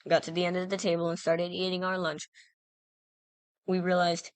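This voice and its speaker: A woman with a low-pitched voice spins a goofy school anecdote in a loose, meandering way, stopping to correct herself and toss in fillers. Her tone is playful and self-mocking. The sound is dry and close, with no room around it. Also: monotone, normal speed, smooth, dry recording. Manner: rambling, self-interrupting, frequent fillers and "right?". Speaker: storyteller. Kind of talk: casual anecdote telling.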